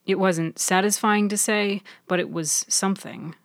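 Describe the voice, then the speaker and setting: A woman narrating her own serial fiction in a measured, even storytelling voice. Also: mid-range voice, no room sound, studio quality. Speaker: author and narrator. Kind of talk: scripted audiobook narration.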